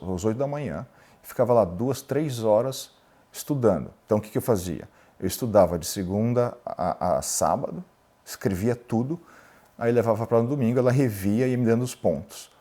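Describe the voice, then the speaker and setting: A middle-aged man from Brazil, a lawyer and entrepreneur, tells his own story frankly in an interview and acts out what other people said to him. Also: fairly low pitch. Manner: candid, animated, quotes others in dialogue.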